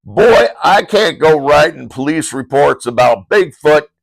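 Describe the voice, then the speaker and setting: A man voicing a dismissive, crooked male small-town sheriff in a loud, scolding tone. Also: on the high side, expressive, a little slow, creaky, no echo, pitched above the performer's own voice, exaggerated voice, low-quality recording. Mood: scornful.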